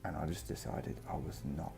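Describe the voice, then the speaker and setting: Deep, gravelly man telling his story. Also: steady tone, brisk. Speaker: vlogger. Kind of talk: personal vlog monologue, reflective storytelling. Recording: music behind the voice.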